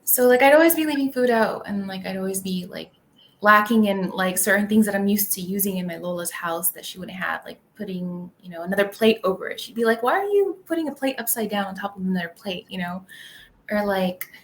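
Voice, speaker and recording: As a guest in a casual podcast interview, a young Californian who first spoke Tagalog rambles along, leaning hard on "like" and "um." She talks fairly quickly in a mid-range voice.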